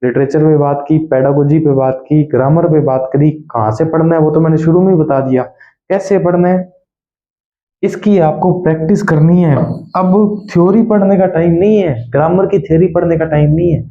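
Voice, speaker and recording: A man's voice: on the high side, steady tone, moderate pace. A man coaching exam candidates, blunt and repetitive, drilling lists of what to study and what to skip. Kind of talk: advice talk to exam candidates. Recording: echoey, tinny phone-like sound.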